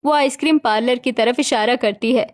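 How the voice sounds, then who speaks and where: A woman narrating a cartoon story in a steady, plain way. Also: fairly high pitch, fairly quick.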